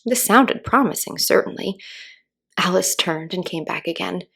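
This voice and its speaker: A woman narrating a children's story aloud in a calm audiobook style. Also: lowish voice, moderate pace, gravelly, breathy edge.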